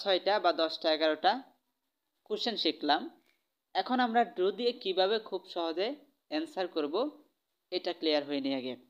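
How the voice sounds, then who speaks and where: A man's voice: sits high, fairly bright tone, dull audio. Man teaching spoken English. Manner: switches between Bengali and English, repeating each example sentence in both; patient, repetitive teaching. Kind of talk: online language lesson.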